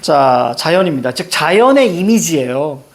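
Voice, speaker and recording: A teacher in mid-lecture, with a lively pitch that climbs and dips on every point. Poem lines come out in a sing-song chant, and each idea ends with a quick question to the students. Casual asides break up the explanations. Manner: keeps checking in with short questions to students. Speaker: Korean literature teacher. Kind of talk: classroom lecture.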